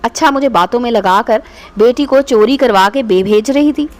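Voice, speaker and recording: A woman's voice: fairly high pitch, normal speed, a little mellow, natural voice. A woman reading as a harsh, scornful shopkeeper. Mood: angry. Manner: gruff, scornful. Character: harsh greedy male shopkeeper, middle-aged.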